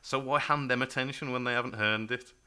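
A man's voice: mid-range voice, steady tone, fairly quick, sharp tone, clean tone. A man hosting a casual podcast chat, stopping and starting as he digs for names. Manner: chatty, stop-start, trails off recalling names. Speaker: podcast host.

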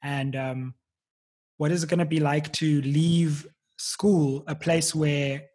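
Husky-voiced thoughtful interviewer. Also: mid-range voice, steady tone, takes it slowly, darkish tone. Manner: thoughtful, hesitant, with many fillers. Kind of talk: interview questions.

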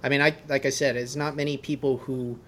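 A man's voice: medium pitch, little pitch movement, brisk, fairly bright tone, slight background noise. A man hosting a podcast, talking casually and often restarting and repeating his words as he wraps up the episode. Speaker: podcast host.

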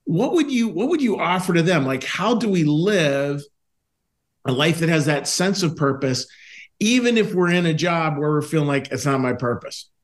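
A man's voice: a little high, lively intonation, normal speed. A man hosting a faith podcast, talking enthusiastically and smiling as he asks his questions. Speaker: podcast host. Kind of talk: casual theological discussion.

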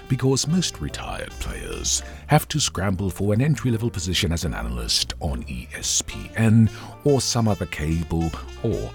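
A man delivers a scripted commentary slowly, in wry and formal phrasing. His intonation leaps up and down very dramatically, with faint music behind the voice. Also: sits low, gravelly. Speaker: podcast host. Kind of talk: scripted opinion commentary monologue.

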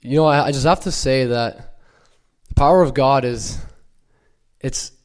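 A young Ukrainian man with no accent gives an earnest personal testimony at church in a medium-pitched voice. He halts often, with many fillers and restarts.

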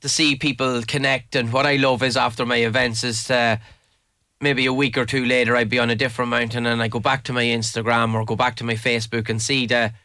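An Irishman with a bright, forward voice at a middling pitch, recorded close and dry. He talks casually as an interview guest, with keen, emphatic enthusiasm, repeating words to press a point. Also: no room sound. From Leitrim, Ireland. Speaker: interview guest, mountain adventure guide. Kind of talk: casual spoken interview answers.

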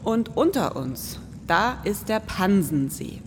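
With a very animated yet slow delivery, a podcast co-host in her forties explains material in a scripted, performative show. Her voice is medium-pitched. There's long reverb, music underneath, and a little hiss or hum.

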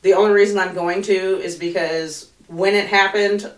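A woman's voice: mid-range voice, moderate pace. A woman co-hosting a casual podcast, telling stories from restaurant work and acting out the people in them. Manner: animated storyteller, acts out quotes loudly. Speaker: podcast co-host and server. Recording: roomy, distant from the mic.

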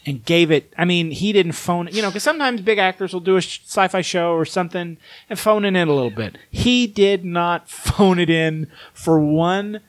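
A man talking in a loose, rambling way, cursing often and dropping into brief impressions. His voice sits a bit high for a man, and the sound is close and dry, with no room around it. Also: expressive, dry recording. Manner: rambling, swears freely, does quick impressions. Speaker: podcast co-host. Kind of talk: casual chat.

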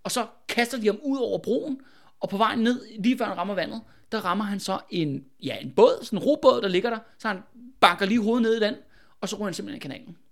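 High-voiced man telling history casually. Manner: animated, many fillers and "ikke?" tags. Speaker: podcast host telling history. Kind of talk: casual storytelling chat.

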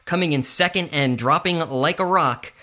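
A man's voice: a little high, normal speed, pushed and bright. A man hosting a casual entertainment-news podcast, running down the week's stories in a breezy way. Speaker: podcast host. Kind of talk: casual chat.

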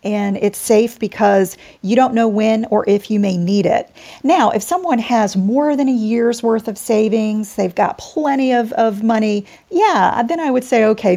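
A woman moderating a panel discussion, speaking in a measured, explanatory way. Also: mid-range voice, vocal fry, a little mellow. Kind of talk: panel discussion on personal finance.

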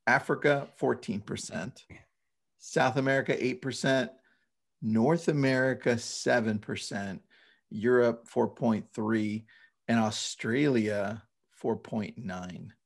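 A male podcast co-host talks in a casual, emphatic way. His mid-pitched voice has a noticeable creak and gravel to it. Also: takes it slowly. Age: 30s or older.

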